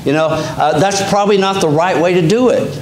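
A man's voice: high voice, a little fast. A middle-aged man with an Appalachian Kentucky accent preaching a sermon conversationally, restarting phrases often. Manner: conversational preaching with frequent restarts and fillers, gesturing while standing. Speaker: pastor. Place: small church sanctuary, indoors. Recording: echoey church room with faint hum.

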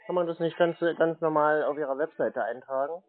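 Soft background music plays as a man with a fairly high voice talks briskly on a phone call, playing a clueless customer who asks questions as part of a scam-baiting prank in a casual conversation. There's no echo, and the narrow-band call audio sounds muffled.

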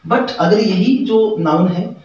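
A man's voice: sits high, slow pace, darkish tone, distant mic, highs cut off, slight background noise. A man teaching English grammar, explaining step by step with examples and repeating key words. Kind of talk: classroom lecture. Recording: echoey room, voice from off the mic.

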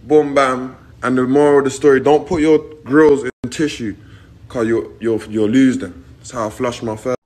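A man's voice: medium pitch, steady tone, normal speed, darkish tone. A young man, chatting and teasing in slangy casual banter on a phone live stream. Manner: slangy, teasing, laid-back storytelling.

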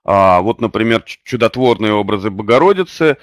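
Low-voiced man hosting a webinar, hesitant. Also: lively intonation, dry recording, clean studio sound. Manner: hesitant, many drawn-out fillers. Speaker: webinar host. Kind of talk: unscripted webinar presentation.

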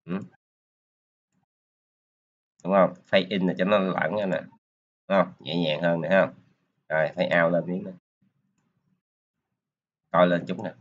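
Deep-voiced man teaching. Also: steady tone, takes it slowly, long pauses, highs cut off. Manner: casual, talks while clicking through steps, many filler particles. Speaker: programming teacher. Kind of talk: screen-recorded coding tutorial.

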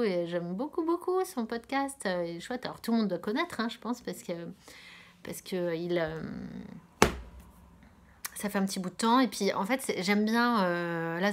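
A woman from France hosting a casual knitting podcast, talking hesitantly with many fillers, often dropping to a soft near-whisper and repeating her words of praise. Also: medium pitch. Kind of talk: casual chat about knitting.

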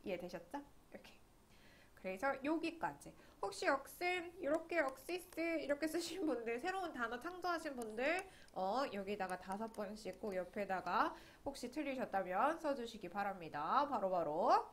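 A woman's voice: a little high, lively intonation, normal speed. Casual online lesson, woman teacher, chatty, keeps asking if the class got it. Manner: chatty, asks students to confirm often. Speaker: English teacher. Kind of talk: online grammar lecture.

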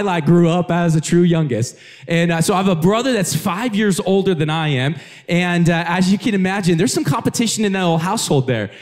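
A man's voice: sits high, a little mellow. A man in his thirties, an executive pastor, preaching a sermon in a conversational, storytelling way and talking with the congregation. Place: church auditorium with live congregation.

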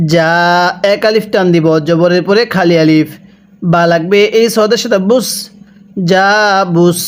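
A man with a Bangladeshi Bengali accent leads a Quran reading lesson, spelling each letter and vowel mark in turn and asking listeners to repeat after him. His voice sits high and sounds smooth and resonant. He keeps an unhurried, deliberate pace.

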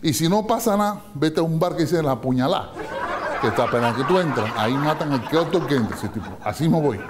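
A man's voice: a little high, brisk, heavy background noise. A man, a comedian telling a long joke, laughing and jumping into voices for each character. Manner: animated, laughing storyteller who does many voices. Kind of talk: comic joke telling and sketch.

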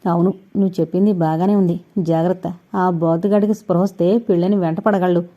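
A woman voicing a sharp-tongued, stubborn old grandmother with a blunt, scolding manner in a dull lo-fi recording. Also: on the low side, steady tone, brisk, lightly acted. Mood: worried.

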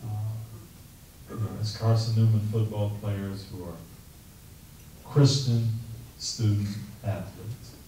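A middle-aged man with a dark, mellow voice talks in an earnest, measured way, softly pleading at times. His voice rings around a bare, echoey room and is picked up from some distance away by the camera. His pitch sits a little low. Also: steady tone, a little hiss or hum. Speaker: guest speaker. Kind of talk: motivational talk and prayer. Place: classroom meeting room, indoors. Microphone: handheld mic.

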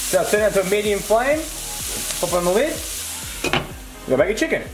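A young man co-hosts a cooking video in a home kitchen, giving casual step-by-step recipe instructions mixed with playful banter. His high voice is very animated and fairly quick. The kitchen is echoey, with background music.

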